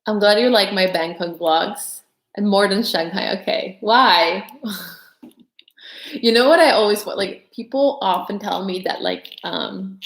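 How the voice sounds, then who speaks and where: A young woman vlogger with a mixed English accent that leans mostly American answers viewer questions during a casual livestream Q&A. Her medium-pitched voice is fairly bright and unhurried, and she rambles chattily with lots of "like," all in an echoey room.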